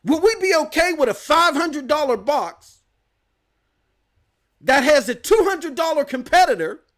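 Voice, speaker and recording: A man's voice: extremely high pitch, very animated, a little slow, a bit bright. A man hosting a live gaming news stream, ranting emphatically with slang and rhetorical questions.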